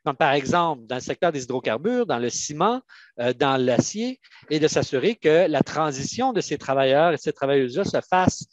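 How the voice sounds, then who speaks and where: A Canadian union adviser with a Quebec French accent, his voice a little high and lively in intonation, answers questions on an online panel. He explains methodically but haltingly, and the recording has no echo and dull audio.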